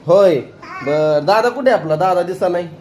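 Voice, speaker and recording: A woman with a rural Marathi accent speaks in a fairly low voice, playful and coaxing. She questions a small child at home in a casual family vlog, recorded on a phone. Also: lively intonation, normal speed, crowd noise. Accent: rural western Maharashtra Marathi. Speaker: family vlogger questioning a toddler.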